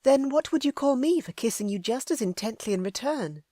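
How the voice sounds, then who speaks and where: Earnest young noblewoman in love, lifted high and breathy, voiced by a woman narrator. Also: expressive, a little fast, dark tone, no echo, clean studio sound.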